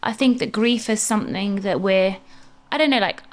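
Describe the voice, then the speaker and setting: A woman's voice: medium pitch, normal speed. Lady hosting a podcast, reflective, lots of likes and you knows. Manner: reflective, thinking aloud with fillers. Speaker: podcast host. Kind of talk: conversational podcast chat.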